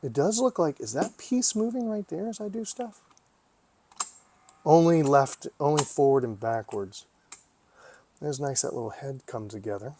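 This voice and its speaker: A man with a fairly high, mellow voice speaks animatedly at a moderate pace, leaving long pauses, with slight background noise. Hosting a hobby repair vlog, he thinks aloud while tinkering, wondering to himself and asking himself questions.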